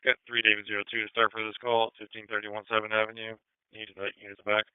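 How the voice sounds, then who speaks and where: A man's voice: on the low side, completely flat delivery, fast, clear, resonant tone, dry recording. A man working as a police dispatcher, reading out calls and addresses in clipped, matter-of-fact codes over a police radio transmission. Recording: narrow-band police scanner audio.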